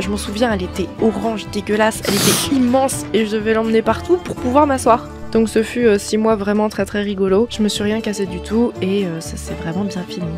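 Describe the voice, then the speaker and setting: A woman telling a personal anecdote in a chatty, slangy way. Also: mid-range voice. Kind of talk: casual storytelling. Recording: voice over loud music.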